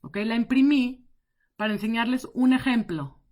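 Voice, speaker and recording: A woman's voice: fairly high pitch, moderate pace, a little mellow. A woman explaining visual schedules on a live stream, in a conversational way with frequent repetition and check-ins. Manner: conversational, repeats words and checks in with "ok". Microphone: device mic on a live stream.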